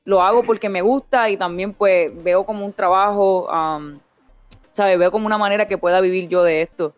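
Young Puerto Rican woman, streamer guest, chatty and giggly, mid-pitched, dry close recording. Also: normal speed, no room sound, faint music behind. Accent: Puerto Rican Spanish. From Puerto Rico. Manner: chatty, laughs often, mixes in English words. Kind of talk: casual interview chat.

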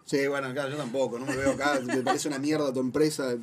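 A man's voice: medium pitch, level tone, quick pace, crowd noise. A man with a Rioplatense Spanish accent co-hosting a podcast, joking and blunt in casual chat. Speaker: podcast co-host.

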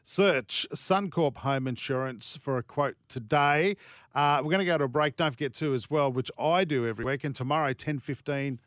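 A man's voice: mid-range voice, normal speed, a bit bright, no echo, studio quality. An Australian man hosting casual sports radio, emphatic and given to repeating himself. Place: dry radio studio.

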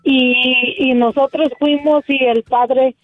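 A woman's voice: high voice, fairly even intonation, slow, no room sound. A woman calling in to a radio show, chatty and plain-spoken. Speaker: caller. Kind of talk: phone call to a radio show. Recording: dull lo-fi phone line.

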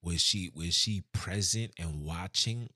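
Deep-voiced man asking probing questions. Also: measured pace, noisy background. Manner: probing questions, repeats his words. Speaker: host. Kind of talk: casual interview talk.

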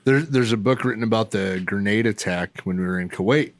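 A man in casual chat, telling stories in a relaxed way and often agreeing briefly. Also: fairly low pitch, no room sound. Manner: relaxed storyteller, quick agreeing. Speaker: podcast co-host.

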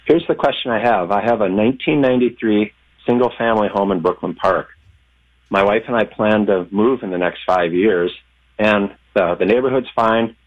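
Low-voiced male caller over the phone. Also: moderate pace. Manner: polite, orderly, lays out details. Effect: heard over the phone. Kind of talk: casual call-in question. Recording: dull phone-line sound.

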